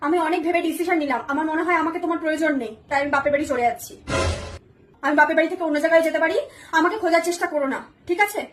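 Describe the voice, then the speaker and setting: A woman acts out a touchy young wife who takes offence at everything and pities herself loudly. Her voice sits very high and the words tumble out at a rapid clip. She sounds a little distant in a reverberant room over steady background noise. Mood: tearful. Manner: huffy, complaining, melodramatic. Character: sulking, touchy young wife, dramatic and self-pitying. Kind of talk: comic sketch acting.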